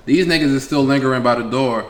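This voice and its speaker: Animated New York man telling a story. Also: mid-range voice, fast. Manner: animated storyteller, acts out quotes, heavy slang and swearing. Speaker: podcast co-host. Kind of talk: casual chat.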